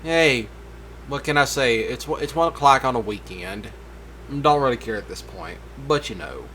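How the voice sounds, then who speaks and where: A man's voice: medium pitch, lively intonation, moderate pace, sharp tone. Sleepy guy rambling over game footage, mid voice, faint hiss behind. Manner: rambling, laid-back, yawning. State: tired late at night. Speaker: gaming video host. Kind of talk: casual voice-over commentary.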